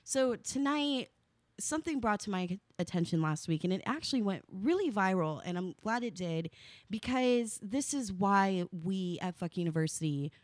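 A woman's voice: mid-range voice, lively intonation, moderate pace, a little mellow, no room sound. A woman co-hosting a podcast in casual chat, chatty and self-deprecating, laughing often. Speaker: podcast co-host.

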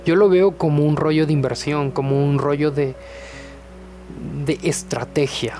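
Slow, relaxed young man. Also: fairly high pitch, faint music behind. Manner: relaxed, chatty, with many fillers and joking asides. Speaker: podcast host.

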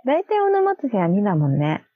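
Lively-voiced playful Japanese-speaking woman. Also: mid-range voice, quick pace, dry recording. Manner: playful, giggly, sounding out made-up syllables. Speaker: co-host. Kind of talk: casual chat. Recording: dull lo-fi dry recording.

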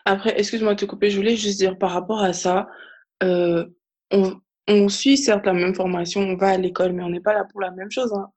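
A young woman from Africa talking casually and thoughtfully, often pausing with fillers. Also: medium pitch, steady tone, a little mellow. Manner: reflective, hesitant with fillers. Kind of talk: casual chat.

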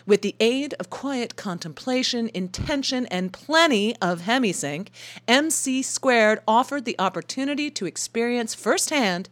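A woman's voice: a little high, lively intonation, unhurried. A woman hosting a short radio feature, telling her story as scripted narration in a wry, enthusiastic way.

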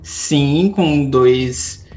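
A woman's voice: rumbling low, extremely slow, warm tone, soft background music. Playful woman reading quiz questions. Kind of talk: casual chat.

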